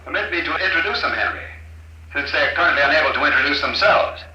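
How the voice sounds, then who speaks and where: An actor playing a cold, smug villain speaking over an intercom, in 1950s radio drama style. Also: male voice, fairly high pitch, lively intonation, quick pace, pushed and bright, slight background noise. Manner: smug, coolly mocking. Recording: roomy, muffled old radio recording.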